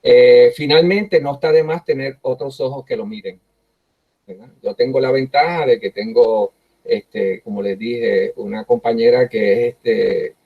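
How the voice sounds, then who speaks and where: A middle-aged man, a professor, talks reflectively about how he writes, often pausing on fillers and asking "right?" to his listeners. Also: mid-range voice, breathy edge. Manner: tags sentences with "¿verdad?" and pauses often on "eh". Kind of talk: reflective talk on his writing process. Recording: dull lo-fi recording.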